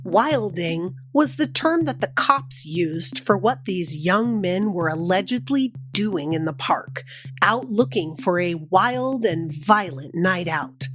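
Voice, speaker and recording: A woman's voice: lowish voice, fairly bright tone. A woman co-hosting a podcast, giving informal, explanatory commentary on a film. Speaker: podcast co-host; high school teacher.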